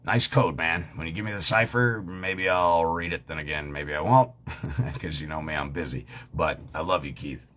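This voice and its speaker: A man's voice: sits low, normal speed, a bit bright. A man giving a heated, profane monologue, swearing freely and hammering his points home. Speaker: online commentator.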